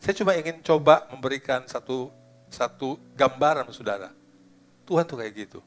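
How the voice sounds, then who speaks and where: A middle-aged male pastor preaching, dropping into hushed, slow musing and rising to loud, high exclamations, with English phrases mixed in. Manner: slips into English phrases and sings softly. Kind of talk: sermon. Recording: faint guitar music behind.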